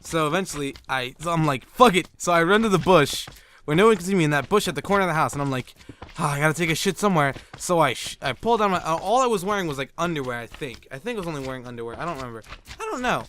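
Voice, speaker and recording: A man's voice: on the high side, expressive, very fast, a bit bright. A man who makes gaming videos, telling a funny childhood story in a casual, rambling way, full of "like" and swearing, and laughing at his own punchlines. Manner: rambling, with lots of "like" and profanity. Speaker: gaming YouTuber.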